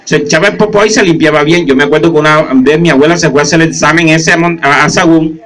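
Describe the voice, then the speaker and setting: A man's voice: a little high, quick pace, poor audio. A man doing stand-up storytelling, acting out the voices of the people in his tales. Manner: animated, acts out voices of characters. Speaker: comedian.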